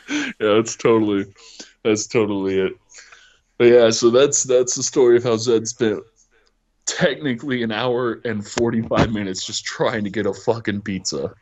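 A man's voice: fairly low pitch, animated, unhurried, long pauses, darkish tone. A man hosting a podcast, telling a story in casual chat, swearing often and laughing as he goes. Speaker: podcast host. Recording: dull lo-fi recording.

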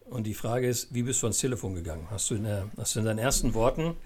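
A man giving calm, explanatory advice in a casual chat, often ending points with tag questions. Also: lowish voice, quick pace.

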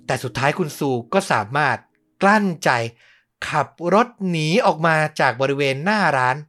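A man narrates a true-crime podcast story in a relaxed, conversational voice, stopping now and then to give his own view of what happened. Faint music plays softly underneath. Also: a little high. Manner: conversational, adds personal comments to the story.

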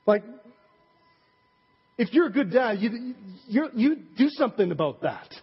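Male pastor, conversational sermon with jokes and asides; husky tone, lo-fi recording. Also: very high-pitched, big pitch swings, a little slow. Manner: conversational, joking, many fillers and asides. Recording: dull recording with long hall reverb.

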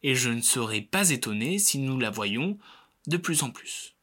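Bright-voiced man reviewing films. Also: mid-range voice, very animated, a little slow. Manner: wry, with joking asides. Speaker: film critic host. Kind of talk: scripted film review.

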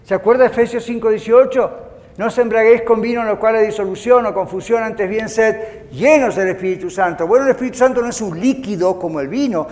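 High-voiced preaching man in a hall. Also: brisk. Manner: animated preaching, acts out inner voices. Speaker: pastor. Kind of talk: sermon.

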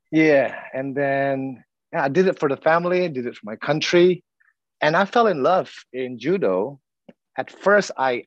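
A man in his forties from Indonesia, speaking as an interview guest in a halting, easygoing way full of restarts and fillers. His voice sits at an ordinary pitch. It sounds dry and a little dull, recorded with no room sound. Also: no room sound. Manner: halting, restarts, frequent "you know". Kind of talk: casual interview talk.

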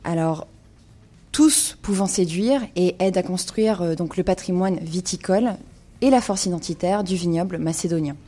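Woman doing a wine spot on radio, lowish mellow voice, lots of um's. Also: normal speed. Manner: informative, many hesitations with euh. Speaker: wine columnist. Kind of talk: radio wine segment, partly read.

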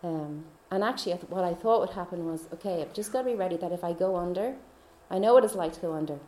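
Chatty woman with a mellow voice. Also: fairly low pitch, fast, reverberant. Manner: chatty, laughs often, dips into soft whispers. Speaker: speaker. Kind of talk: personal faith testimony.

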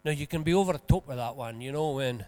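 A man with a broad Scottish accent preaching informally, telling stories in an earnest, colloquial and animated way. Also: medium pitch, fast talker. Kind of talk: informal conversational sermon with storytelling.

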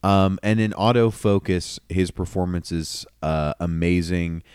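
A young man with a very low, smooth and resonant voice, co-hosting a casual podcast. He talks eagerly but haltingly, with lots of fillers, recorded close and dry. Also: little pitch movement, darkish tone, no echo. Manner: enthusiastic, halting, many fillers. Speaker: podcast co-host. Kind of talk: casual film podcast chat.

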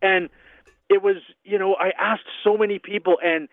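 A man with a slightly high voice talks through a thin, phone-like line. His sound is close and dry, with no room around it. He gives easygoing, rambling explanations as a guest musician. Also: steady tone, moderate pace, no echo. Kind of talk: casual interview chat. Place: home in northern Canada.

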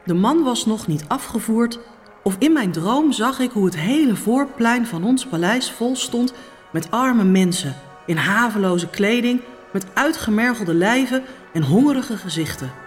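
A woman plays a Roman noblewoman haunted by dreams, telling them in a solemn, hushed monologue. Her pitch swoops widely between low, grave phrases and raised, urgent ones. Soft music sits quietly behind her. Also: animated, unhurried. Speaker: Pilate's wife. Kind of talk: dramatic first-person monologue.

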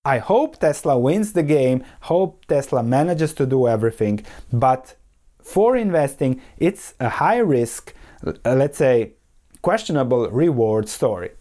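A man's voice: mid-range voice, sing-song, a little slow, warm tone. A man from Croatia hosts a solo investing podcast, talking analytically and posing rhetorical questions that he answers himself. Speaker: podcast host.

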